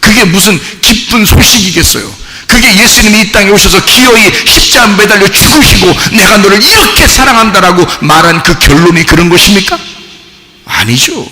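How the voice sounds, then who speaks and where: Animated man preaching in an echoing church. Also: sits high, normal speed. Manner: animated, acts out quoted children and fathers, shouts for emphasis. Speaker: pastor. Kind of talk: sermon. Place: church sanctuary. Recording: long hall reverb, faint noise.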